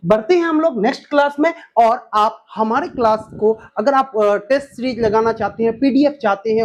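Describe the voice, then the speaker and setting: A man with a very high-pitched voice teaches an exam-prep grammar lesson. He asks questions and answers them himself, repeats key points, and spells words out letter by letter.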